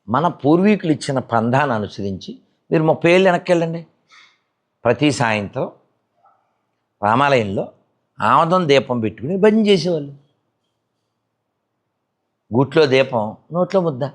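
A man giving a spiritual discourse, scolding his listeners with a stream of rhetorical questions. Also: mid-range voice. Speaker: spiritual speaker. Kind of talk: religious discourse.

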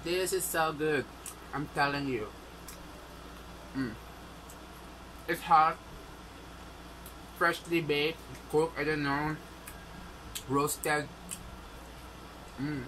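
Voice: medium pitch, fairly even intonation, drawn-out words, pauses often. A vlogger with a Filipino accent, chatting and humming between bites, chewing while talking in an indoor room. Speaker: mukbang vlogger. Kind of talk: casual chat while eating on camera. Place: indoor room with air conditioner. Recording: air conditioner noise behind.

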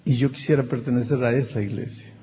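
A middle-aged male pastor preaching a sermon with emotive storytelling and dramatic pauses. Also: medium pitch, fairly even intonation, mellow, a little hiss or hum. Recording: long reverb in a big hall, faint ambience.

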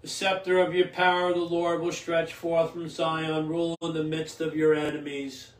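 An older man, a priest, reads scripture in steady liturgical cadence and then preaches a homily at Mass, restarting phrases as he goes. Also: on the high side, normal speed. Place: small indoor home chapel. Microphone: camera a few feet away. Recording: roomy echo, distant from the mic.

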